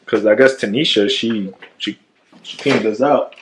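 A man's voice: fairly low pitch, unhurried, poor audio. Man, thirties, playful and chatty, home kitchen, handheld camera, faint background hum. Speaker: vlogger cooking at home. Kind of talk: casual cooking vlog. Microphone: handheld camera at arm's length.

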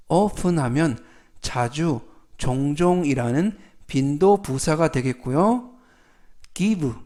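Slow, methodical Korean-accented male teacher. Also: a little high, darkish tone. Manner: polite and methodical, drawing out English words slowly. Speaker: English teacher. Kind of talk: slow explanatory vocabulary lesson.

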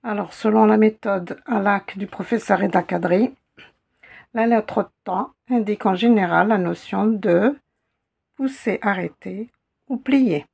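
A woman teaching a slow, patient language lesson who repeats each sound carefully. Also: mid-range voice, creaky, a little mellow, breathy edge. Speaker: Arabic teacher.

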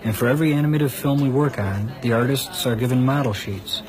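A man's voice: medium pitch, brisk, a crowd in the background. A man delivering scripted narration as a documentary narrator. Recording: noticeable background noise.

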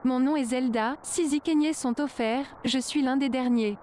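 A synthetic text-to-speech voice with a female sound, reading game text aloud in a flat machine way and stumbling over unusual words. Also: sits high, moderate pace, a little hiss or hum. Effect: synthetic text-to-speech robot voice. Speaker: automatic translation reader in a game.

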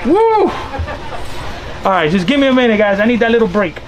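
Very high-voiced and fairly quick, a young man from Miami live-streams from a crowded outdoor boat show's docks and boat cabins. The audio is poor, with busy crowd chatter behind him. Tired from the heat, he stays relaxed, excitable, and slangy, dropping Spanish phrases.

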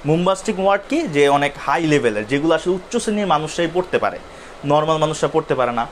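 Young man, literature teacher in a live class, higher-pitched voice, faint background hiss. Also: lively intonation, very fast. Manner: explains step by step, asks and answers his own questions.

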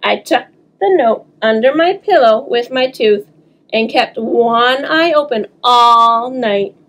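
A woman storyteller reads to young children in a high, swooping voice. She takes her time, drawing words out and chatting to her listeners between lines of the book. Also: takes it slowly. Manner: animated, talks to young listeners, draws words out. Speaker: storyteller reading aloud to children. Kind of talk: expressive children's story time read-aloud. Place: small indoor room.

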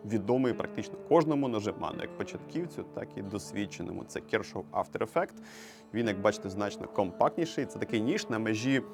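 A Ukrainian man with a fairly low voice reviews knives in a relaxed, joking way, full of enthusiasm. Clear music plays under his voice throughout. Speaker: knife reviewer and show host. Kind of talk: casual product review.

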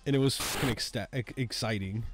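A young man co-hosting a casual let's play with friends, excitable, laughing and playfully voicing game characters. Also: medium pitch, a little fast, faint music behind. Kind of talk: casual gaming banter.

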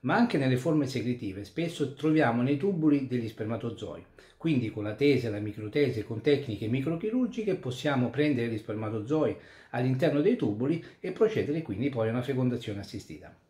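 A man, a urologist and andrologist, calmly explaining a medical topic step by step to viewers. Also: mid-range voice, brisk. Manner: calm, methodical, explanatory with occasional restarts. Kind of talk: explainer talk to camera. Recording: echoey room.

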